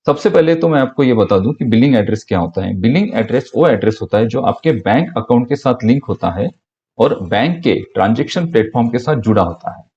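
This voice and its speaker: Man, mid pitch, patient step-by-step explainer, slightly dull lo-fi sound. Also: animated, brisk, darkish tone. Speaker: online business mentor. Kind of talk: instructional audio explainer.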